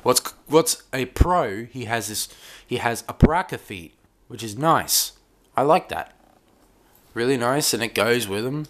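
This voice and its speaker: Animated and medium in pitch, a man does a casual hands-on toy review in a dim room. He rambles and halts, restarting often.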